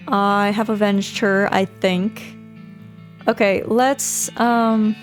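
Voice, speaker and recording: Woman, fairly high voice, casual game streamer, reads game text aloud, light music behind.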